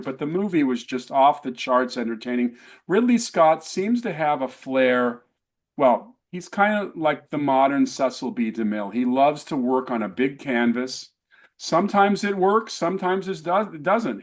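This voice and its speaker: A middle-aged man with a mid-range voice hosts a relaxed talk about new films. He speaks with steady enthusiasm and praises the movies and actors he liked. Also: mid-range voice. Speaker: host. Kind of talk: casual film review chat.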